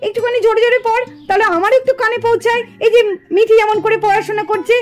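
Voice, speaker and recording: A woman's voice: extremely high pitch, little pitch movement, rapid-fire, soft background music. A woman voicing a doting mother in a doll cartoon, praising one daughter and scolding the other. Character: doting mother of two girls.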